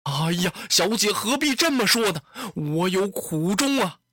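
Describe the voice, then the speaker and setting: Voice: medium pitch, sing-song, unhurried, fairly bright tone, no echo, clean studio sound. A storyteller playing a young general who is lovestruck and anxious, declaiming his vows emphatically. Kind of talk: traditional storytelling.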